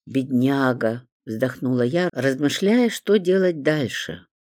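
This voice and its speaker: An audiobook narrator reading a first-person story with expressive storytelling. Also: mid-range voice, moderate pace, no room sound, studio quality.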